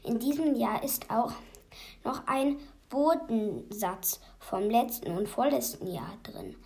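A woman voicing Max, a nervous, hurried male organizer who hushes and scolds in agitation. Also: fairly high pitch, animated, vocal fry, pitched above the performer's own voice, exaggerated voice. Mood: agitated. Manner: agitated, hushing.

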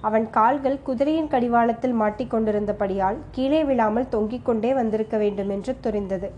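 A woman's voice: on the high side, fairly quick, a little mellow, highs cut off, slight background noise, lightly acted. A woman reading the lines of a fierce, wild female kapalika in a storybook, with a harsh, dramatic way of telling. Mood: recounting. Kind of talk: audiobook character reading.

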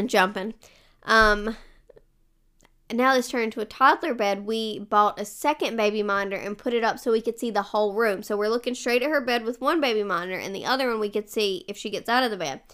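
A young woman co-hosting a podcast, chatting casually and acting out her toddler's voice in high squeals as she tells family stories. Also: a little fast, fairly bright tone, smooth. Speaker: podcast co-host. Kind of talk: casual chat.

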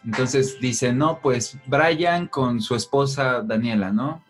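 A man's voice: mid-range voice, slow pace, breathy edge. Young Mexican man, easygoing explainer, faint music underneath. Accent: Mexican Spanish. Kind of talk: casual conversation.

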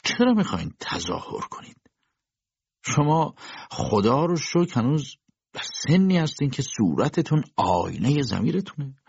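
A man's voice: mid-range voice, sing-song, creaky, a little mellow, breathy edge, no room sound, muffled recording, voice pushed up, full character voice. A man doing a sardonic old bachelor doctor. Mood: mocking. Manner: mocking, lecturing. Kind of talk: audiobook reading.

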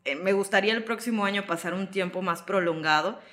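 A young woman from Yucatán, Mexico, a content creator chatting in an interview, with a softened Yucatán accent, laughing often and acting out quoted dialogue. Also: mid-range voice, quick pace. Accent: Yucatán Spanish, softened. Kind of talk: casual interview chat.

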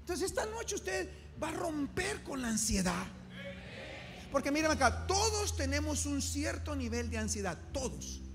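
A man preaching a sermon to a congregation, fervent and full of call-and-response, with shouted peaks and joking asides. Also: extremely high pitch, big pitch swings, normal speed, vocal fry. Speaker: pastor. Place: church service before a congregation. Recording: music playing behind the preaching.

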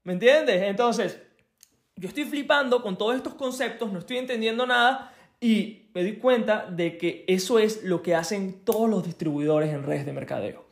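A man's voice: sits high, normal speed, gravelly. A man coaching network marketers in a blunt tough-love manner, chatty and laughing between points, tagging lines with "ok?". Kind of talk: direct-to-listener advice talk.

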